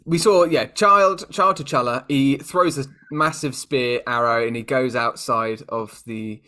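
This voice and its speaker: Brief: young British guy, bright forceful tone, lively chat-show co-host. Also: medium pitch, a little slow. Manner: animated, laughs often, jokey quoted voices. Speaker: podcast co-host. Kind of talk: casual chat.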